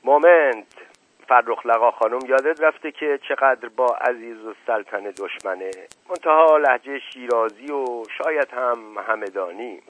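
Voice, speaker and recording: A man's voice: mid-range voice, close to an everyday voice. A man voicing a breezy, jovial middle-aged man who teases and schemes with confidence, in an audiobook reading. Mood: teasing. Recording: narrow phone-like radio recording.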